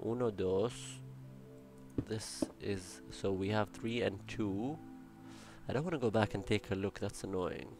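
A young man with a gravelly voice hosts a building game channel, muttering to himself, counting blocks and tossing in playful Spanish words. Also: lowish voice, unhurried, music in the background. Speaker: Minecraft building channel host. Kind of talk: casual gameplay commentary.

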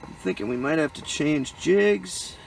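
A man's voice: a little high, lively intonation, measured pace, gravelly, a little hiss or hum, poor audio. A young man casually vlogging his ice fishing from inside a small shanty, chatty and joking to the camera. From Michigan. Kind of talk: casual outdoor vlog narration. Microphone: handheld action camera.

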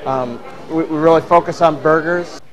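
A man's voice: fairly high pitch, normal speed. A middle-aged man, a restaurant owner, answering interview questions with many fillers and restarts, seated in a busy dining room. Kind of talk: on-camera interview. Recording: restaurant crowd noise behind. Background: diners chattering.

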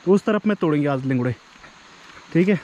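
A man's voice: fairly high pitch, animated, a little fast, mellow, low-quality recording. A man, vlogging outdoors in hill country near a river, chatty and joking as he talks straight to viewers on a handheld camera. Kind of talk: casual vlog narration.

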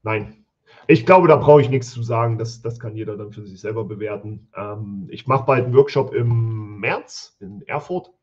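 A man's voice: lowish voice, normal speed. A man with a German accent hosting a live review of product listings, blunt and thinking aloud as he goes, recorded from a home office. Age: adult with school-age children. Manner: blunt, thinks aloud, mutters while counting. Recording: slightly dull, lo-fi stream audio.

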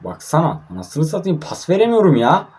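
A man's voice: on the high side, wildly swooping pitch, brisk, darkish tone, slightly rough. A young man from Turkey giving casual, frustrated commentary while playing a mobile football game, grumbling and swearing often.

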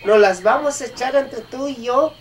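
A man with a Mexican accent voicing a gentle old woman pleading to protect her boy. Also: very high-pitched, moderate pace, far from the mic, voice pushed up.

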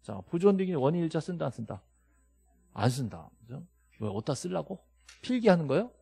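A man's voice: fairly high pitch, very animated, brisk, creaky, mellow, slightly rough. A middle-aged man lecturing a classroom on property law, scolding and joking with his students and firing rhetorical questions at them. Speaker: real estate law instructor.

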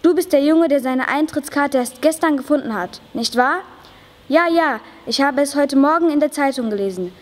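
Fussy, effusive little old chocolate maker read by a girl, high voice, echoing hall. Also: moderate pace, close to an everyday voice. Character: lively, excitable small old male chocolate maker. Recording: long reverb of a school hall.

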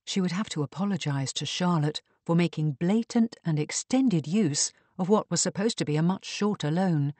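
A man reading a period mystery novel aloud in measured, even audiobook narration. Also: fairly high pitch, no echo.

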